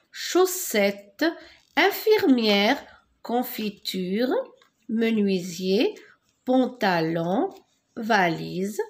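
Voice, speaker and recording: Slow-speaking woman teaching syllables. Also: fairly high pitch. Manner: slow, spells out words syllable by syllable. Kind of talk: French lesson on syllables.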